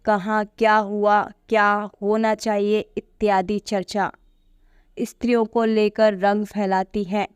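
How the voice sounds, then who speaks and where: Slow, clear woman storyteller. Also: mid-range voice, little pitch movement, dry recording. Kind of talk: reading a short story aloud.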